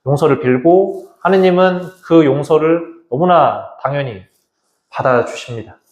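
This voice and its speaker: Priest in an echoey hall. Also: male voice, on the high side, a little slow, darkish tone. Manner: conversational, vividly retelling with quoted voices. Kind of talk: Lenten lecture, storytelling.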